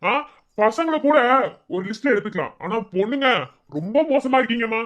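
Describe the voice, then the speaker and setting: Cartoon role: man as strict scolding principal, high and rapid. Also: expressive, fairly bright tone. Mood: stern. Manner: lecturing, scolding.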